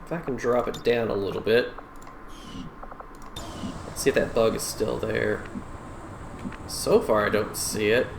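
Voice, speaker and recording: A man's voice: fairly low pitch, steady tone, measured pace, gravelly, pauses often, noisy background. A man doing casual gameplay commentary, muttering and thinking aloud as he plays. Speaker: gamer playing and commenting. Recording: roomy echo, game music behind. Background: video game music.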